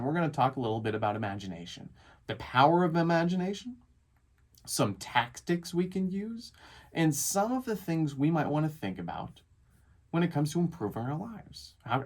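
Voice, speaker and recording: A man hosting a relaxed solo podcast, talking with a lively, up-and-down voice. He tells his story with animated energy and acts out his child's lines as he goes. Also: mid-range voice. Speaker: realtor and podcast host. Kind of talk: casual storytelling monologue.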